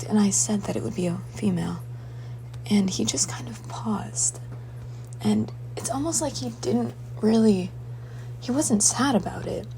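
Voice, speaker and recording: Young woman, hazy halting dream recounting. Gravelly fry, breathy, mellow tone, noticeable background hum. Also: medium pitch, rough recording. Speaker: dream diarist. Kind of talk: casual personal dream recounting.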